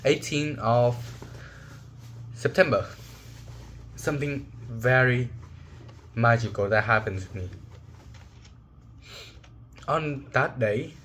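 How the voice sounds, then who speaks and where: Slow, halting young man sharing a story. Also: medium pitch, fairly bright tone. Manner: halting, searching for words, emotional. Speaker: vlogger. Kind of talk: personal reflective monologue.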